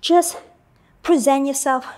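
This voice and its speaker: High-voiced, slow-paced woman Pilates instructor. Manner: short calm movement cues with counting. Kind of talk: workout class instruction.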